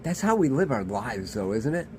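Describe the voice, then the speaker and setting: A man's voice: medium pitch, sing-song, normal speed, warm tone, a little hiss or hum. A man, a pastor, giving a conversational daily devotional sermon in an earnest manner. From Michigan. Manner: conversational, earnest, dramatizes quoted voices.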